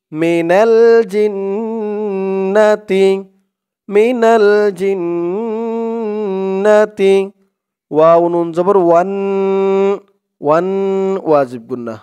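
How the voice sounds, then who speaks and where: A man teaching Quran reading, spelling out Arabic words letter by letter and chanting them slowly for viewers to repeat. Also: sits high, a little mellow, smooth. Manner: slow, patient drilling with drawn-out chanted recitation; addresses viewers directly as "dorshok".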